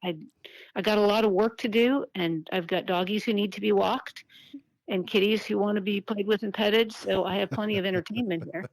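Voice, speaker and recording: A woman's voice: medium pitch, fairly even intonation, no echo. Earnest woman on an old flip phone call. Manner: earnest, halting, with repeated words. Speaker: interview guest, activist and author. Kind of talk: reflective interview conversation.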